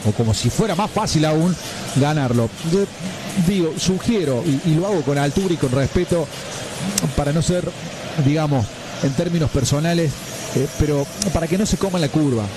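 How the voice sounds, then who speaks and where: A man giving measured, emphatic opinions on a sports radio show. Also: fairly high pitch, expressive, over music.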